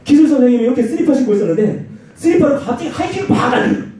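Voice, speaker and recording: A man gives a lively youth sermon in a church hall, acting out the voices of the people in his stories. His voice is high and swings widely in pitch, with a mellow, dark tone. The mic sits far off in a very echoey room. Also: very fast. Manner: animated storytelling with acted-out quotes and swinging pitch. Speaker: youth pastor.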